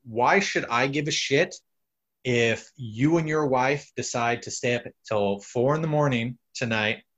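A man's voice: medium pitch, unhurried, a bit bright, muffled recording. A man hosting a casual chat, rambling and swearing, with lots of fillers. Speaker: podcast host.

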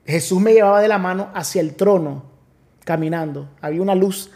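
Man, pastor guest, high mellow voice, earnest testimony storyteller. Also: fairly quick. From Nicaragua. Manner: earnest storytelling, many restarts. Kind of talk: testimony in casual conversation.

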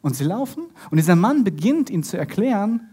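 A preacher retelling a Bible story in a lively sermon, acting out the characters and speaking straight to the listener. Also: mid-range voice, brisk, slightly rough. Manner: animated, acts out the characters and talks straight to the listener.

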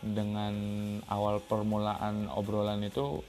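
Rambling low-voiced man telling travel stories. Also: completely flat delivery, unhurried, a little mellow. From Riau, Indonesia. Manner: rambling, many fillers and restarts. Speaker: travel podcaster. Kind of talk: casual travel storytelling. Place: second-floor balcony outdoors.

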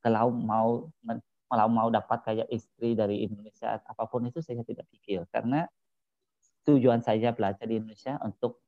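A man with a Cambodian accent and Khmer as his first language, speaking Indonesian as a foreigner in halting, simple phrases with repeated words in a casual interview. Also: mid-range voice, fairly even intonation, dry recording, phone-quality sound. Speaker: interview guest, former foreign student.

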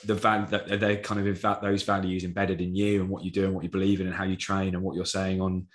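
Guy interviewing someone, very deep voice, lots of mm and yeah. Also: little pitch movement, fast. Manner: encouraging, frequent "mm" backchannels. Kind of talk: casual interview chat.

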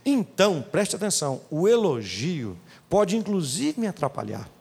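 A man's voice: sits high, big pitch swings, moderate pace, creaky, darkish tone, breathy edge, in a large hall. A male pastor preaching a sermon in church, emphatic and acting out quotes as he goes.

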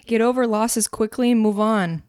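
A woman co-hosting a casual faith-based discussion, talking conversationally with fillers and quick asides. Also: a little high, a little mellow, smooth, no room sound, studio quality. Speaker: podcast co-host.

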